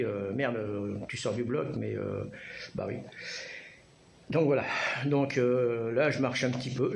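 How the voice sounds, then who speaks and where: A tired man, worn out after surgery and anesthesia, chatting casually to camera in a rambling, halting way and repeating himself. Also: mid-range voice, a little mellow. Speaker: vlogger. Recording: echoey room, clear background noise.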